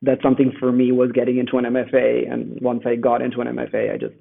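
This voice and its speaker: Calling in remotely from home in Rome, a native Italian speaker appears as a guest author in a conversational interview, thoughtful but full of fillers and restarts. The audio is tinny and phone-like, and his mid-range voice is completely flat, fast, and marked by vocal fry.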